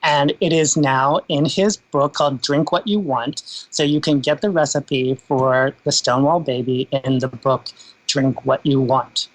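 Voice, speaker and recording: A man's voice: medium pitch, fairly even intonation, a little slow, dry recording, low-quality recording. A man in his fifties, a podcast guest, talking casually with many fillers and asides. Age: 50s. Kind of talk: casual interview talk.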